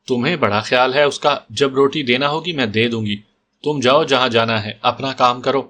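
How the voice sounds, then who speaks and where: An offhand young village woman , voiced by a man reading aloud, brushes things aside. Her lines come at a middle, unchanged pitch. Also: bright, forceful tone, close to an everyday voice. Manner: careless, offhand.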